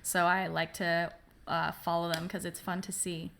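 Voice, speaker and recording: A woman's voice: fairly low pitch, little pitch movement, moderate pace, creaky, fairly bright tone, slight background noise. A woman in her thirties co-hosting a comedy podcast, chatty and giggly, saying "like" a lot. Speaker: podcast co-host. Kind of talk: casual comedic chat.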